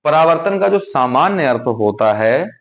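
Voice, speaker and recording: A man's voice: on the high side, sing-song, normal speed. A man teaching a science class in a classroom, asking students questions and repeating the key words back to them. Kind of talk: classroom lesson. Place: classroom with whiteboard. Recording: dull lo-fi sound.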